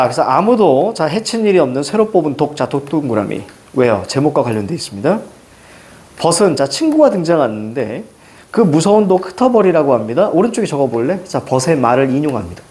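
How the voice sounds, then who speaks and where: Animated male literature teacher. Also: medium pitch. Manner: animated, asks quick questions to students. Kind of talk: exam-prep lecture.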